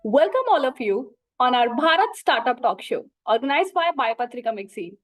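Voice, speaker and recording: High-pitched Indian woman hosting a talk show. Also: very animated, normal speed, soft background music. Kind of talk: podcast interview.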